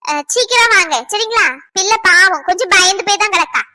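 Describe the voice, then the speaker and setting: A woman voicing a bright, soothing young neighbor. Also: extremely high pitch, fairly quick, no room sound, studio quality, full character voice. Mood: reassuring. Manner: soothing, reassuring. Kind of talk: Tamil cartoon dubbing.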